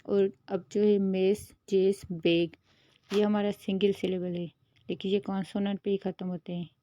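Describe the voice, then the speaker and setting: A woman, the host of her own channel, who explains a grammar lesson in a steady, patient way and mixes English terms into her Hindi. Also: medium pitch, fairly quick. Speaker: teacher.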